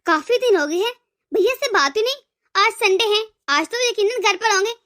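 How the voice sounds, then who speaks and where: A woman's voice: extremely high pitch, lively intonation, normal speed, pushed and bright, heavily acted. A woman voicing an emotional young wife and devoted daughter in a cartoon story, often stammering over her words. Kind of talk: cartoon voice acting.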